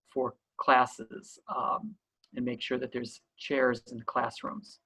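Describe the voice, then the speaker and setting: A man's voice: mid-range voice, vocal fry, bright, forceful tone, low-quality recording. A man gives an online school orientation as principal, explaining things in a reassuring way.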